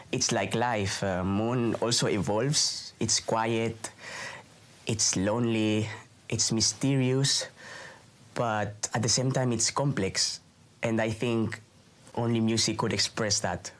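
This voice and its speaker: A man's voice: on the low side, a bit bright. A man in his twenties from Spain, earnestly explaining his own composition into a lapel mic in an indoor studio. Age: 20s. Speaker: flutist and composer introducing his piece. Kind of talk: personal video introduction. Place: indoor studio against a dark backdrop.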